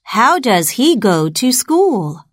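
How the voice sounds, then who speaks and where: A woman reading textbook dialogue answers for a listening test, slowly and carefully enunciated for learners. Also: on the high side, sing-song, no room sound, clean studio sound.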